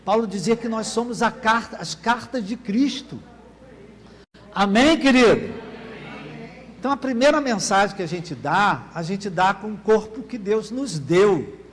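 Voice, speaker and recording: A man's voice: high-pitched, expressive, a little slow, a bit bright. A man preaching a sermon as pastor, often asking the congregation for an amen. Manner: asks the congregation "Amém, querido?" often. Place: church. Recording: long church reverb.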